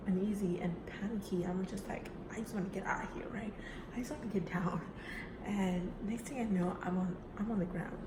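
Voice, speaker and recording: In an echoey room with noise in the background, a chatty young student delivers a class speech introducing herself. Her pitch is medium, and her relaxed delivery is full of "you know" and "right?".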